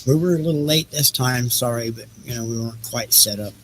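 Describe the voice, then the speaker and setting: Thinking out loud on his livestreamed reading and music show, the host rambles through casual, unscripted chat and keeps repeating phrases. He speaks fairly quickly in a medium, fairly bright voice, and the rough recording carries slight background noise.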